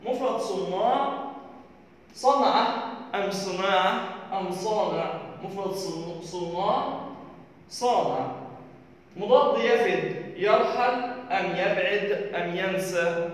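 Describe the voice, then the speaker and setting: A man teaching a primary school lesson, reading textbook questions aloud slowly and then giving the answers. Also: sits high. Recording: echoey hall from far off.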